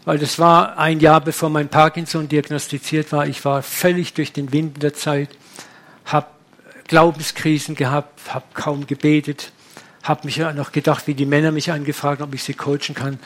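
A man preaching, telling a personal testimony in a lively storytelling manner. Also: on the high side, normal speed. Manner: animated storytelling, acting out dialogue.

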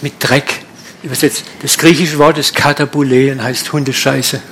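Ein Mann hält eine direkte, umgangssprachliche Predigt und spricht sein Publikum offen an. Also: male voice, mid-range voice, level tone, normal speed, fairly bright tone, a little hiss or hum. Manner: direct, colloquial, blunt preaching. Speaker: preacher. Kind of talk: sermon with slides.

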